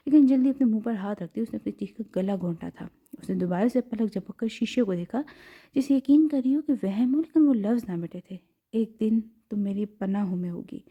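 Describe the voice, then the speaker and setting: A woman narrating a romance audio novel in a steady storytelling way. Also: medium pitch, gravelly, slightly rough. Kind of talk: scripted narration. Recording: dull lo-fi.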